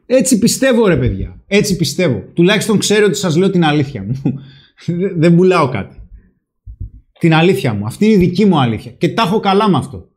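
A man hosting a talk show, speaking emphatically and loudly, with frequent swearing. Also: high-pitched, very animated. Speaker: podcast host. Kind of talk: animated opinion talk.

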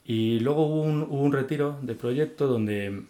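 In a faith testimony given during an interview, a man speaks earnestly and emotionally, restarting often and repeating words. His dark, medium-pitched voice moves at a moderate pace, with a little hiss or hum in the recording.

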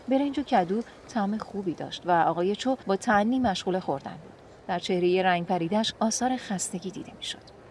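A woman calmly narrating a story in an even reading voice. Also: fairly low pitch, slight background noise.

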